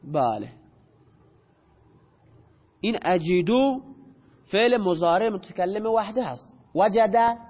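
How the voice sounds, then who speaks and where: A man's voice: sits high, expressive, long pauses. A man teaching a grammar lesson in a classroom, explaining step by step and quizzing his students with questions. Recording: dull audio with long hall reverb.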